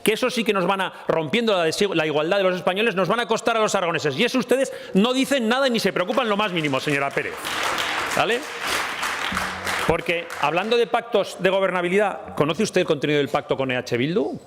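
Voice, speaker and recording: A man's voice: high-pitched, animated, fast, a bit bright. Combative man in a murmuring chamber. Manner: combative, repeatedly addresses opponent by name. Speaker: parliamentary spokesman. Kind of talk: parliamentary debate speech. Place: parliament chamber. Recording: reverberant chamber with murmuring crowd.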